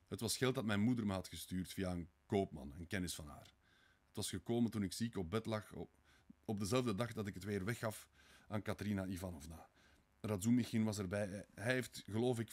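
A man reads a worn-out young man who answers curtly and mutters, lost in thought. The voice is very low and husky, close to the reader's own. It is an audiobook reading. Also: darkish tone. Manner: tired, curt and muttering. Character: weary, brooding young male murderer.

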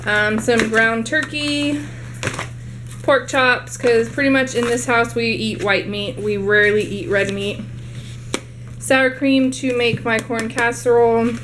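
This young woman's voice is fairly high and slow, with fairly even intonation, and the background is noisy. She's a vlogger in her living room, rambling chattily as she shows off groceries to a handheld camera for a casual haul video.

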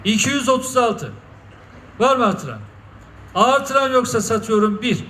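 A man's voice: very high voice, expressive, moderate pace, pushed and bright. A man working as an auctioneer, calling bids at a live auction with repeated figures and last-chance calls. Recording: echoey noisy room, distant mic.

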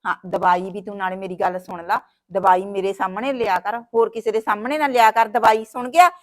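A woman with a Punjabi accent, speaking at a medium pitch with a steady tone and fairly quick pace, lightly acts the part of a fretful sister-in-law caring for her brother's wife. She scolds and wails dramatically in this village short film.

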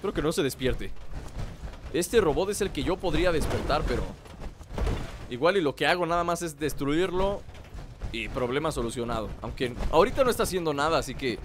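Mexican guy rambling through a let's play, playful, highish lively voice, game noise behind him. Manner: playful, rambling to himself and viewers. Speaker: gaming host. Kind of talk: casual let's play commentary. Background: video game ambience.

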